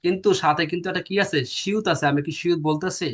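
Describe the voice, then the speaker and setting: A man's voice: sits high, steady tone, quick pace, a bit bright. A man teaching a classroom lecture, explaining step by step and answering his own questions. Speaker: language teacher.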